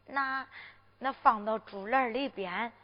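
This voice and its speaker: Woman playing a cheeky Henan village girl. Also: a little high. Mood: cheeky, coaxing. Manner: cheeky, drawn-out hesitant interjections. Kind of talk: Henan zhuizi storytelling. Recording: dull lo-fi recording with long reverb.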